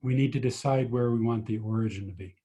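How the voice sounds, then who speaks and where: A man's voice: mid-range voice, fast, mellow. A man tutoring physics over a video call, patiently explaining each step and asking his students questions. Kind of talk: online tutoring lesson.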